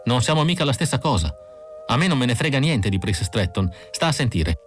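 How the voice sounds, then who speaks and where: A man's voice: mid-range voice, sing-song, a little fast, soft background music, voice pushed up, close to an everyday voice. A man reading the part of a tired, conflicted adult male bounty hunter in an audiobook, in his plain voice. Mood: strained.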